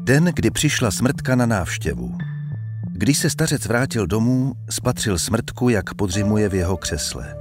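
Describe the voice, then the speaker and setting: A man narrating a dark audiobook with a low, steady voice and a measured, dramatic delivery. Soft music plays faintly under the reading.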